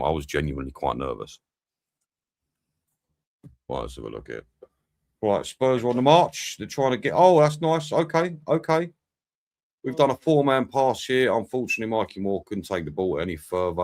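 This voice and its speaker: A young man with a low voice, reacting live to a football match and chatting with viewers as he goes. His pitch swings a lot as he talks, and he swears constantly in a loose, bantering way. The sound is dry and close. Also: no room sound. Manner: swears often, banters with chat. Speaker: watch-along streamer. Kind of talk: live match watch-along commentary.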